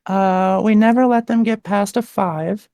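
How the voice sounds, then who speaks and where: A woman's voice: mid-range voice, measured pace, dark tone, dry recording. Dry-sounding woman coaching step by step. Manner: patient, step-by-step, with frequent "like" and "um" fillers. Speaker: voice coach guest. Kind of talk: instructional explanation in a live-stream conversation. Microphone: desktop mic with adjustable gain.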